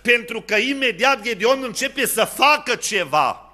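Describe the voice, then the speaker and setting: A man with a Romanian accent preaching a sermon in a church, telling stories and acting out their dialogue, dropping to hushed tones and then rising again. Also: very high-pitched, lively intonation.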